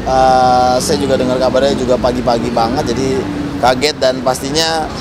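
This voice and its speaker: Hesitant man amid loud traffic. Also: mid-range voice, flat delivery, normal speed. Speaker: celebrity friend interviewed. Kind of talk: street interview.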